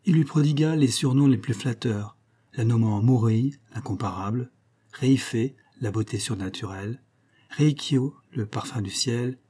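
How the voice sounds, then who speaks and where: Brief: male narrator for a tale, measured and expressive, warm husky timbre. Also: medium pitch. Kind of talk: audiobook reading of a tale.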